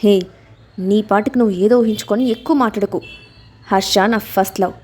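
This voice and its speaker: Woman doing a pushy show-off young guy, whiny and bossy, mellow tone, audio story. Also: medium pitch, fairly even intonation, fairly quick, natural voice. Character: pushy boastful young celebrity man.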